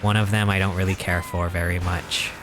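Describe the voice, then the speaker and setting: A young man with a somewhat low voice talks casually on a live stream while he plays, rambling through mock-serious jokes and chuckling along the way. Game music plays clearly in the background. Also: little pitch movement, a little fast. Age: 20s.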